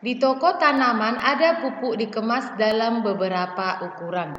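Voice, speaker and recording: Slow, patient woman teacher in echoey room. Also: a little high. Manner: slow, patient, addresses pupils as "Nak". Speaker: primary school teacher. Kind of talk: classroom lesson explanation. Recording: echoey room, slightly dull, faint noise.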